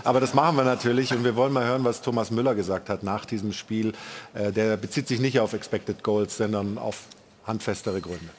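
A man's voice: on the low side, fairly even intonation, a little fast, a little hiss or hum. A man moderating a football talk show casually, asking questions and handing over to the next item.

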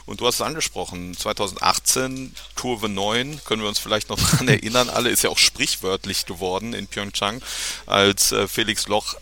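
A man's voice: fairly low pitch, moderate pace, sharp tone. A man reporting as a guest on a sports podcast, speaking with many fillers and repeated words. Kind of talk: podcast interview.

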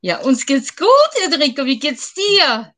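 A woman's voice: high voice, animated, unhurried, a crowd in the background. A woman, a guest on a video call, chatting eagerly about her love of football. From Vienna, Austria. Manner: chatty, enthusiastic. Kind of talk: casual chat.

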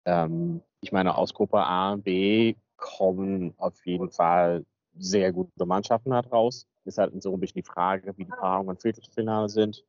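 Deep-voiced man, dry lo-fi recording. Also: fairly even intonation, moderate pace, darkish tone, no echo. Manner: rambling, leans on fillers. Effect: low-quality, muffled recording. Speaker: podcast co-host. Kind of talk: casual chat.

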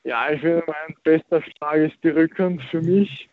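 Unhurried and on the high side, the voice belongs to a nineteen-year-old tennis player from Austria who answers interview questions hesitantly and keeps repeating fillers. There's no echo, and the tinny line sounds phone-like.

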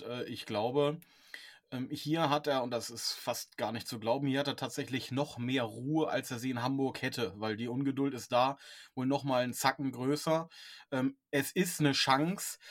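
Hesitant German man in football chat. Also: mid-range voice. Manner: hesitant, many fillers. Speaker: podcast co-host. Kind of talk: casual football podcast chat.

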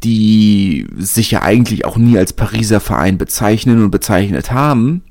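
A lowish male voice with a chatty, thinking-aloud delivery, recorded dry and close. A man hosting a podcast in casual spoken commentary, restarting sentences as he works through his points. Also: animated, normal speed, darkish tone, dry recording. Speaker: podcast host.

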